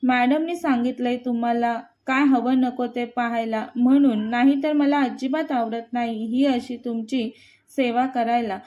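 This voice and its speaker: Storybook part: woman reading a sharp-tongued, resentful young maid, high voice, soft mellow tone. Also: steady tone, unhurried, highs cut off, natural voice. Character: bitter jealous young female housemaid.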